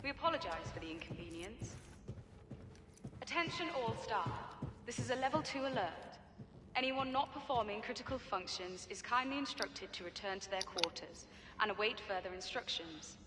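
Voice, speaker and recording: Polite, even facility PA voice over a loudspeaker, noisy echoing space around it. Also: female voice, mid-range voice. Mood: calm, formal. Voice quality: polite, measured, even delivery. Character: calm female facility PA announcer. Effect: over a public address loudspeaker. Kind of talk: scripted alert announcement. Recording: echoey loudspeaker in a long-reverb hall with background noise.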